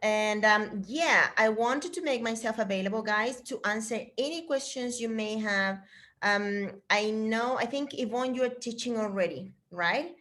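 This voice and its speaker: On a video call with her trainees, the middle-aged Chilean fitness coach talks casually and supportively, restarting sentences and using fillers. Her voice is a little high and fairly bright, and she takes her time.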